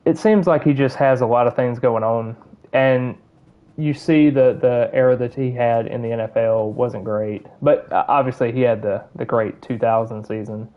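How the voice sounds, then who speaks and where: In a muffled recording, a man with a mid-range voice speaks at a normal speed in a steady tone. He's from Alabama, has a Southern accent, and rambles through casual, filler-heavy commentary while playing a video game on stream.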